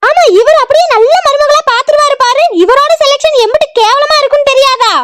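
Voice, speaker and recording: A woman's voice: very high-pitched, a little fast, a bit bright, dry recording, clean studio sound. A woman voicing a bossy, complaining mother-in-law in a cartoon, with a southern Tamil Nadu accent and a scolding manner. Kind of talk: cartoon voice acting.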